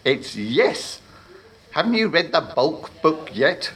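A man's voice: a little high, sing-song, slow, fairly bright tone, breathy edge, voice pushed up, full character voice. A man puts on a haughty, scaly warlock, a vain and stern male sorcerer. The voice sits well above the reader's own and lingers on each weighty word. It stays lofty and self-important throughout. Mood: pompous.

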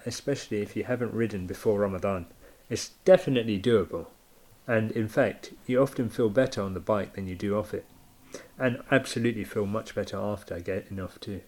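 A man presents a community podcast in a friendly, chatty way. His voice sits a little low, and he moves easily between thanking contributors and introducing the next clip. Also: brisk, darkish tone. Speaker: podcast host.

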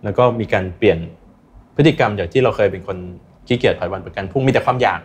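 Guy being interviewed, talks fast n earnest, bit husky, casual chat about his own experience. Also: fairly low pitch. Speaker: interview guest, recreational runner. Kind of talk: casual chat, sharing personal experience and advice.

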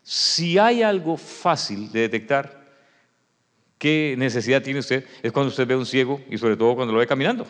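A man preaching a sermon, acting out the story and swinging from shouts to hushed tones. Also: medium pitch, expressive, normal speed. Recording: long reverb of a hall.

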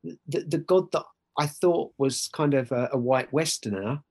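A man's voice: a little high, unhurried, a little mellow. A middle-aged man with an Essex accent tells personal stories as a podcast guest, in an earnest, emphatic way, often checking in with "right?". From Essex, England. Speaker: podcast guest, church worker. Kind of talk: conversational personal storytelling.

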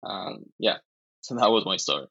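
A man in his thirties from Poland with a Polish accent, a guest speaking halting, casual English and laughing often. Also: low-pitched, lively intonation, gravelly, sharp tone, slightly rough, no echo, dull audio. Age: 30s. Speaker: guest, online seller. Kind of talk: casual interview chat.

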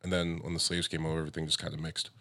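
A young man co-hosting a casual podcast chat, teasing and laughing often, his voice dropping quiet at the ends of lines. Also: rumbling low, level tone, rapid-fire. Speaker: podcast co-host.

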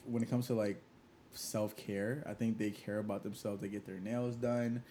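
A man's voice: fairly low pitch, fairly even intonation, moderate pace, mellow. A young man chats as a podcast co-host with faint room noise behind him. He rambles in a casual, conversational way, looping back on his points. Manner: rambling, repeats "like" and "you know what I mean". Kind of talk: casual chat.

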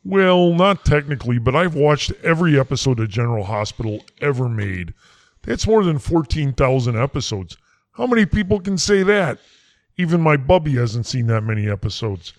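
A man's voice: mid-range voice, very animated, normal speed, no echo. A man playing a blustering, folksy quack doctor, rambling in a comedy sketch. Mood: boastful. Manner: rambling, brash, folksy slang.

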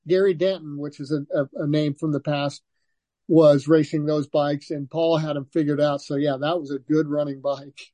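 Speaking at normal speed in a fairly high voice, a former motocross racer, now older, spins relaxed stories during a casual interview. He often restarts and leans on "you know," and the recording is dry.

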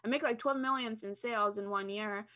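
A woman's voice: medium pitch, pushed and bright. A woman from Albania, a podcast guest, talking bluntly and candidly in casual interview chat. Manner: blunt, candid, talks fast and eagerly.

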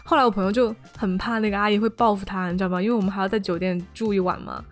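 Fast-talking woman podcast co-host. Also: mid-range voice, steady tone, faint music behind. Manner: chatty, keeps asking "you know?". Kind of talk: casual chat, storytelling.

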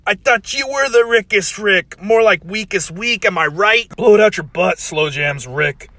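Man doing a cocky scientist, mocking, high, bright. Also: animated, moderate pace, dry recording, heavily acted.

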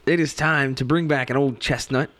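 A man's voice: medium pitch, steady tone, normal speed, a bit bright, no room sound. A man co-hosting a podcast, chatting casually and introducing segments in an upbeat way. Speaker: podcast co-host. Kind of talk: casual chat.

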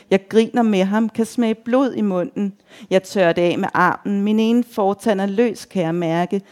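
Woman reading a vivid first-person story. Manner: measured reading, quoted shouts raised high and loud. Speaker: narrator.

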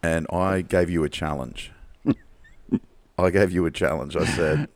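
A man's voice: deep voice, a little slow, no room sound. An Australian man co-hosting a podcast outdoors in casual, jokey, teasing chat with some swearing. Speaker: podcast co-host. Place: outdoors on a deck area by a pool.

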